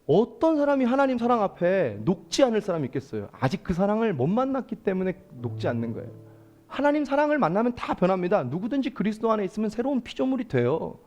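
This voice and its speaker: A man's voice: sits high, a little mellow. A male pastor preaching a Sunday sermon in a church, emphatic and calling out to the congregation.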